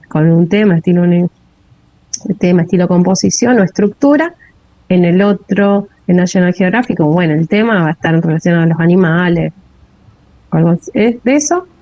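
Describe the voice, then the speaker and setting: Rioplatense woman teacher, dark and mellow. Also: on the low side, expressive, normal speed, dry recording, lo-fi sound. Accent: Rioplatense Spanish. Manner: checks in often with a rising "¿sí?". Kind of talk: classroom lecture on linguistics.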